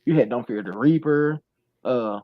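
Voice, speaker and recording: A man co-hosting a casual podcast, talking loosely and profanely with animated storytelling. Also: mid-range voice, moderate pace, no room sound. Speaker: podcast co-host. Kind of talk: casual chat. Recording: dull lo-fi sound.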